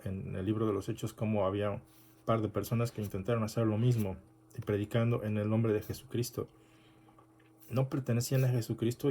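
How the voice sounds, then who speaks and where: A man's voice: lowish voice, warm tone. A male pastor preaching an unscripted sermon, correcting himself often and adding rhetorical asides.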